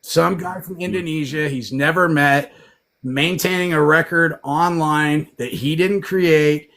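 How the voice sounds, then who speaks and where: A man hosting a casual livestream, telling stories in a profane, animated way and breaking into incredulous outbursts. His voice sits a little high for a man. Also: a little slow. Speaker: livestream host.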